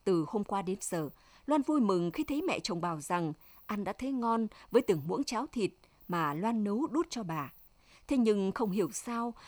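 A woman's voice: mid-range voice, darkish tone, no echo. A woman narrating a story like an audiobook, reading the characters' lines in her own voice.

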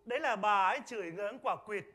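A performer playing a patient male scholar master in a Vietnamese folk-opera, singing with drawn-out syllables and chiding gently. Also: mid-range voice, natural voice. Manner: sung phrases with drawn-out syllables, gentle scolding. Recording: roomy stage recording with loud music.

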